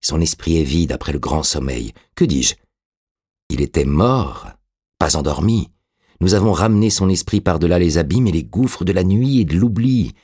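A man's voice: deep voice, expressive, moderate pace, mellow, breathy edge, no room sound, clean studio sound, full character voice. A man voicing an intense, commanding male sorcerer-priest who speaks in urgent, insistent exclamations in an audiobook reading. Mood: fervent.

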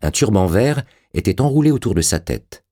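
A male narrator reading an audiobook with measured drama. His voice sits very low and has a husky edge throughout. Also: very animated, dark tone.

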